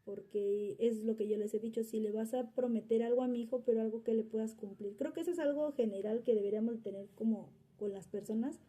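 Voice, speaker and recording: Husky, dark-toned mother. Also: fairly high pitch, fast talker, hardly any pauses. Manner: rambling, frequent fillers and restarts. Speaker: mother of interviewee's subject child. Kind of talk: interview answer, casual storytelling.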